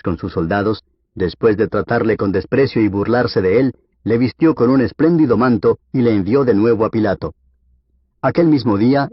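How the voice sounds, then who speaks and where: Husky low-voiced man reading scripture. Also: no echo. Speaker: Bible reader. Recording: dull, lo-fi dry recording.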